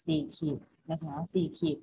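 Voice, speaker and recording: A woman teacher giving an online class, patiently repeating each instruction. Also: moderate pace. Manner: patient, repeats herself with a polite particle at each phrase end. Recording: muffled recording with faint noise.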